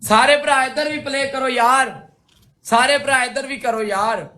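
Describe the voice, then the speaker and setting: A man from Pakistan on a live video chat, firing off quick banter and calling out greetings to viewers. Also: very high-pitched, sharp tone, a little hiss or hum. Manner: rapid banter, bits of singing. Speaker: live-stream guest. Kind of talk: casual live-stream chat.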